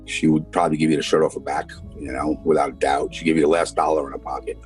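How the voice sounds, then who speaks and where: A man's voice: a bass voice, little pitch movement, fast, a little mellow, faint music behind. A father being interviewed, speaking plainly and repeating points for emphasis. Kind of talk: casual interview recollection.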